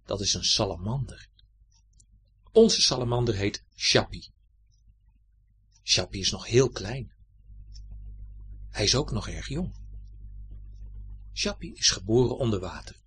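A man reads a children's story aloud with lively, swooping intonation. His voice is husky and breathy, and he sounds expressive and unhurried. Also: lowish voice.

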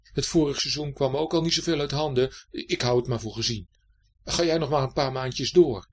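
A man's voice: medium pitch, normal speed, lightly acted. A man voicing a lazy, sulky old male Winter with an icicle beard in a storybook, grumbling and mumbling.

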